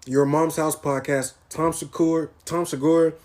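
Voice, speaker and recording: A man's voice: fairly high pitch, level tone, moderate pace, a little mellow. A young man hosting his own podcast, ranting in casual profane slang with mock-dramatic grief. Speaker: podcast host. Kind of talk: casual solo podcast rant.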